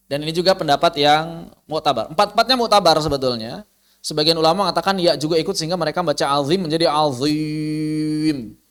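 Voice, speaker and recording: A man's voice: high voice, fairly bright tone. A man teaching an online tajwid lesson, explaining step by step, repeating key phrases and demonstrating letter sounds. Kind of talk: online Quran recitation lesson.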